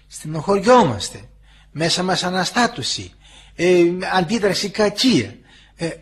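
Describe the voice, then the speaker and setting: A man's voice: on the high side, fairly bright tone, husky. A man from Greece giving a sermon to listeners, talking in a homely, storytelling way and acting out quoted voices. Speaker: preacher.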